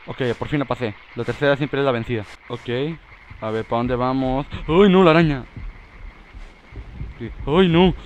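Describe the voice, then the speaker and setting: A young man giving excitable let's play commentary, often yelling in panic at the game. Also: medium pitch, normal speed, long pauses, dull audio, slight background noise. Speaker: gamer.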